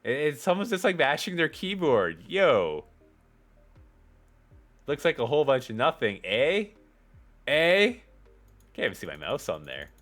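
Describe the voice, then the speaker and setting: A man's voice: medium pitch, wildly swooping pitch, unhurried, long pauses, a bit bright. A man streaming himself reading fan fiction aloud, often breaking off for joking, mocking asides.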